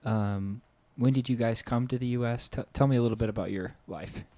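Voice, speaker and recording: A man hosting a podcast, friendly and upbeat, moving from a scripted introduction to loose, halting interview questions. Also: medium pitch, steady tone, mellow, a little hiss or hum. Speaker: podcast host.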